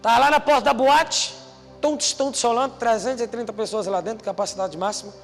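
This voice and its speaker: A young Brazilian man preaching at a youth conference, telling a story and acting out the dialogue, swinging from hushed lines to shouts. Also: extremely high pitch, fairly even intonation, a little fast, creaky. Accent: Brazilian Portuguese. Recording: reverberant hall with music behind.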